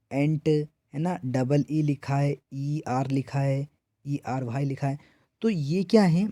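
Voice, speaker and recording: This Indian man's voice is a little high with a dark tone, recorded without echo. He leads an exam-prep grammar class, asking himself questions and answering them, then repeating every answer over and over.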